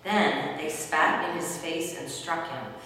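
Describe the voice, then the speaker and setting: A woman's voice: sits low, slow, a crowd in the background. A woman narrating a scripted dramatic Bible reading in a formal storytelling manner. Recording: distant, very echoey hall, faint noise.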